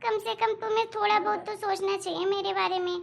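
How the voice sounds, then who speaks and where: Cartoon mother-in-law, older and whiny, always blaming, very high gravelly voice, a woman voices her. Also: steady tone, a little fast, full character voice. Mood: scolding. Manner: nagging, complaining, blames others. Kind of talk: animated cartoon voice acting.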